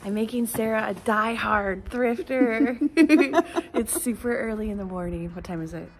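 A woman's voice: medium pitch, normal speed. Chatty woman vlogging outdoors over music. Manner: chatty and enthusiastic, at times dropping to a whisper. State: early-morning voice. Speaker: vlogger and host. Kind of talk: casual shop-along vlog. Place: outdoor flea market, early morning. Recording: background music under the voice.

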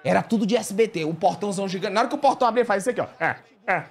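A man's voice: high-pitched, rapid-fire, slightly rough. Man with northeastern brazilian accent, casual comic storytelling, slangy, laughs through his story. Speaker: comedian guest telling a story.

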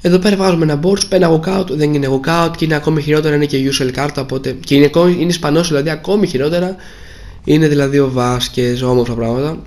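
A young man casually commenting on a video game, grumbling and disappointed, his voice a little hoarse. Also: fairly high pitch, darkish tone. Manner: grumbling, disappointed, repeats himself. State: slightly hoarse. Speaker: gaming video creator.

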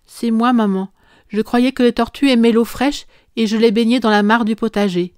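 A woman's voice: fairly high pitch, steady tone, moderate pace, a little mellow, smooth, no echo, clean studio sound, natural voice. A woman reading an audiobook voices an impulsive, stubborn little girl who speaks eagerly and insistently. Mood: ashamed.

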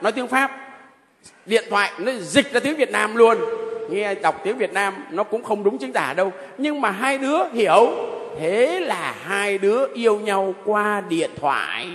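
Animated priest with a high, lively voice. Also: male voice, big-room sound. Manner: animated storytelling, addressing the congregation directly. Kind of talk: sermon. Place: church.

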